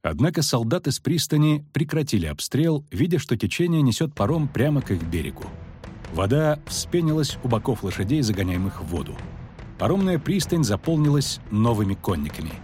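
A man narrating a fantasy audiobook expressively, dropping low and quiet for tension. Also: sing-song, brisk. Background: faint background music.

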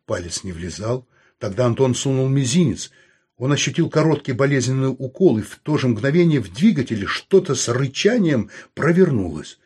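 Husky male audiobook narrator. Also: mid-range voice, expressive, normal speed, darkish tone.

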